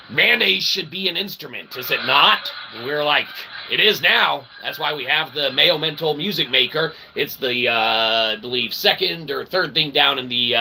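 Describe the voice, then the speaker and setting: Hosting a comic, meandering livestream, this man plays up a self-deprecating showman act and keeps tacking on "okay?" or "eh?" as questioning catchphrases. His mid-range voice is creaky and expressive at a normal speed, and the background is noisy.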